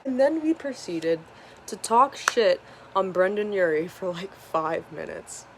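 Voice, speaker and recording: A woman in her twenties telling a story casually at home, animated and swearing freely. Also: medium pitch, unhurried. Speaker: vlogger. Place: hot room at home with a fan on. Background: faint fan hum.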